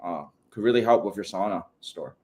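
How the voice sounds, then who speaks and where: A man's voice: deep voice, brisk. A man co-hosting a casual livestream, joking around and packing his talk with filler words. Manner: joking, lots of "like", animated. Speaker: livestream co-host.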